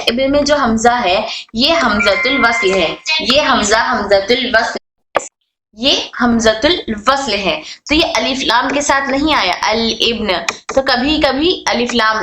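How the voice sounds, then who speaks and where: A woman teaching a class on Arabic letter rules, repeating points, asking questions and answering them herself, and stretching out example words slowly. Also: on the high side, sharp tone, slight background noise. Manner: drawn-out slow model readings of words. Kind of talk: online class lecture. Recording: echoey room.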